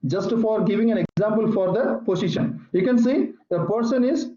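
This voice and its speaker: A man teaching a physics lesson over an online call, explaining slowly and patiently with many repetitions. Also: high voice, dark tone. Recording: echoey, muffled online call audio.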